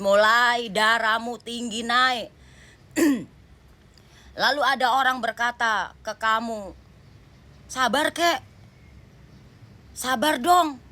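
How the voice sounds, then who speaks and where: Slow, bright-voiced woman reading tarot. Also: medium pitch. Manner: emphatic, repetitive, speaking directly to the viewer. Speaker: tarot reader. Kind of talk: general tarot reading monologue.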